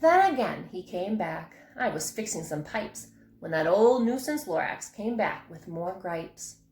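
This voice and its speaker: A woman teacher reading a rhyming picture book aloud with an expressive, rhythmic delivery. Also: lowish voice, unhurried. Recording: echoey room.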